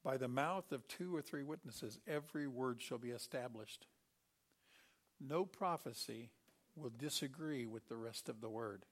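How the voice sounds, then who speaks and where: A middle-aged man preaching a sermon, telling Bible stories with animated delivery and acting out the characters. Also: medium pitch, unhurried.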